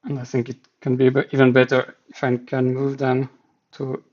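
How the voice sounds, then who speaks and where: Setting up his live development stream, this man from Switzerland, a native French speaker, thinks aloud in French-accented English, hesitant and full of fillers. He talks at a moderate pace in a monotone, medium-pitched, slightly mellow voice, picked up by a slightly dull lo-fi stream mic.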